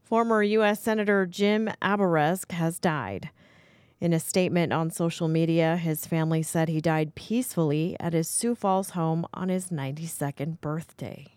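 A woman's voice: on the low side, normal speed, a little mellow, clear, resonant tone, no echo, studio quality. An American woman anchoring a radio newscast, reading scripted news items.

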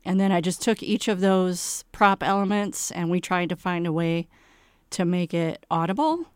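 Smooth-voiced woman playwright, candid and wry. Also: lowish voice, moderate pace, no echo, studio quality. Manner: candid, self-deprecating, laughs easily. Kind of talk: interview conversation.

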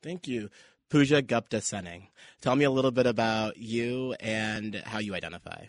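Low-voiced radio host moderating a panel. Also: male voice, no room sound. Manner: measured, courteous introductions.

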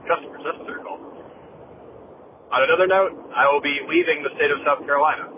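A man's voice: a little high, fast talker. Man in his 30s, casual caller voice message played over a phone line; tinny, noisy, loose and chatty delivery. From Massachusetts. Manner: chatty, rambling, upbeat then wistful. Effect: played back voice message over a phone line. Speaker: listener calling in. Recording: tinny phone voicemail with loud background noise.

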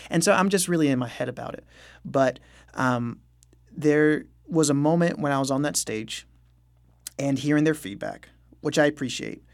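A young man with a voice on the high side, at normal speed, is interviewed casually as a musician guest. He speaks candidly, pokes fun at himself, and lets out light chuckles.

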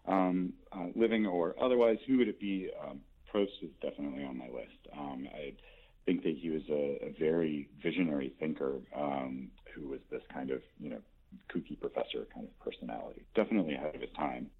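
A man's voice: very deep voice, fairly quick, slightly rough, narrow, tinny audio. A man being interviewed as a company expert, answering thoughtfully with many hesitations.

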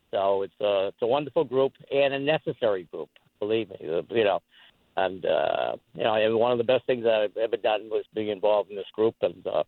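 A man calling in to a show over the phone, talking in a rambling way with many pauses and fillers. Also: on the low side, dry recording. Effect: heard over the phone. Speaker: call-in caller. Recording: tinny phone line.

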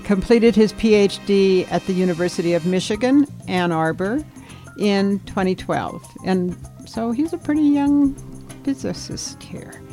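A woman's voice: medium pitch, animated, unhurried, warm tone, soft background music. A woman hosting a radio program, reading a scripted introduction steadily and stopping to check pronunciations. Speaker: radio host.

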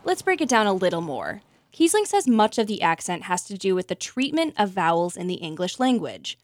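A woman hosts a public radio explainer, reading scripted narration. Her pitch is middling and the recording is dry and close. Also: sing-song, brisk, dry recording. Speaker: radio reporter and podcast host.

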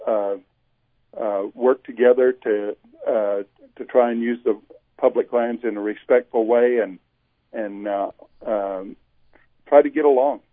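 Give me a county commissioner speaking as a guest over a remote call line that breaks up, in an unhurried, plain-spoken way. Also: male voice, mid-range voice, no echo. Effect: heard over a remote call line that breaks up. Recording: tinny, dry call-line sound.

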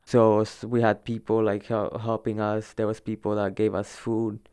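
This is an informal personal narrative from a young adult man from El Salvador whose first language is Spanish, recounting his own migration conversationally and a bit hesitantly. His smooth, clear, fairly low voice is a little mellow, his delivery flat and at normal speed, and he frequently doubles words for emphasis.

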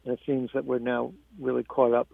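A man's gravelly voice comes through a tinny phone line, dry and close. He is an author answering interview questions, measured and halting, often restarting his sentences. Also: mid-range voice, level tone, dry recording. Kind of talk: radio interview.

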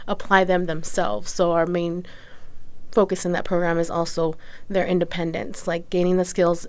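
A woman's voice: on the low side, little pitch movement, normal speed, a little mellow, clear, resonant tone. A woman giving earnest, methodical explanations as an interview guest. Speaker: nonprofit executive director, interview guest.

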